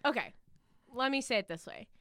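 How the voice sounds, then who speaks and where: Bright-voiced young woman telling stories. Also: a little high, a little fast, no room sound, studio quality. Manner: animated storyteller, acts out dream dialogue. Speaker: podcast co-host. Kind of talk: casual chat.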